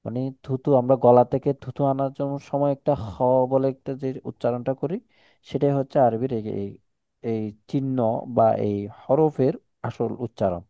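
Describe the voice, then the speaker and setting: A man's voice: medium pitch, fairly even intonation, normal speed, no room sound, narrow, tinny audio. A man with a Chittagong Bengali accent teaching Quran letters one on one, explaining patiently with repetition and examples.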